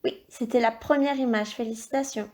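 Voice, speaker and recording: A woman teacher recording a video lesson for young children, dictating words slowly and clearly and encouraging the child. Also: a little high, fairly even intonation, a little mellow. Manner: slow, clear dictation with stretched syllables; encouraging, addresses the child directly. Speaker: primary school teacher.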